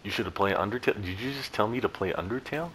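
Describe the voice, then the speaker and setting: Brief: young man, very low voice, loose rambling gameplay banter, slight hiss behind. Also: rapid-fire, a bit bright, low-quality recording. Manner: rambling, joking, yelps and laughs at the game. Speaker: gameplay YouTuber. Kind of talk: casual gameplay commentary.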